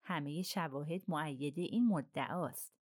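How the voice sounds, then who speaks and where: A woman voicing an excitable, exasperated middle-aged male railway director who exclaims in an agitated way. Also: low-pitched, dry recording, studio quality. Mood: insistent.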